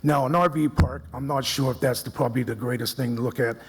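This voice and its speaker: Gravelly man giving public comment. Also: mid-range voice, fairly even intonation, fast talker, a little hiss or hum. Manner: earnest, repetitive, restarts often. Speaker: citizen speaker at city council forum. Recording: echoey council chamber.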